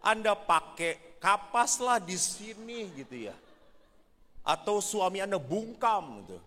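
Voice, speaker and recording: Priest man joking around in a sermon, bright voice, big echoey church hall. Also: high-pitched, slow, slight background noise. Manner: animated, joking, playful storyteller. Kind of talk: humorous sermon to married couples. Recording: reverberant church hall, faint ambience.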